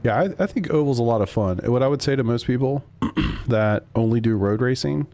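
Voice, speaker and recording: A man's voice: mid-range voice, expressive, brisk, dark tone. A man streaming a sim racing game, chatting casually with his chat while he drives. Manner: laid-back, rambling, answers chat.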